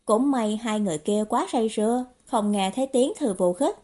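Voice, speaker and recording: A woman narrating a novel as an audiobook in a steady storytelling manner. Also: a little high, normal speed. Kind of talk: scripted narration.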